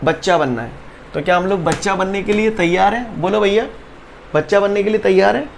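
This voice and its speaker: High-pitched, gravelly-voiced physics teacher. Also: male voice, brisk, slight background noise. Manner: teasing, repeats questions to students, drills chants. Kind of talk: online class lecture.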